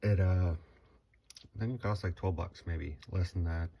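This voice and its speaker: A man in his forties casually narrating a hands-on demonstration in a hesitant, halting way. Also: deep voice, fairly even intonation, vocal fry, muffled recording. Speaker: vlogger.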